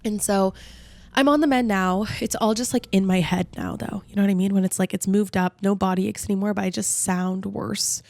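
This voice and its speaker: A woman's voice: medium pitch, fairly even intonation, fairly quick, gravelly, a little mellow, dry recording. A woman in her twenties co-hosting a podcast, sounding nasal and congested from a cold, chatting casually with lots of "like" fillers. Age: 20s. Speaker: podcast co-host. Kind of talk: casual chat.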